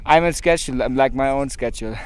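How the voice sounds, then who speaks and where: A man's voice: medium pitch, fast talker, smooth. A male bike-race rider chatting cheerfully with the host, laughing often. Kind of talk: casual chat.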